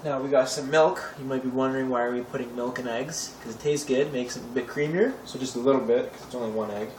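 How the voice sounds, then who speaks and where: Talking fast in a steady, mid-range voice, a young man hosts a cooking tutorial from his home kitchen, chatty and casual with wry asides. The recording is noisy and echoey, captured by a far-off camera mic amid clattering pots and cutlery.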